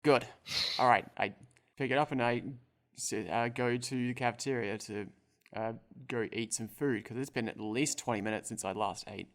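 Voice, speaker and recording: In casual tabletop role-play, a young man jokes and rambles as he describes his actions, restarting often and using lots of fillers. He talks at medium pitch and a moderate pace.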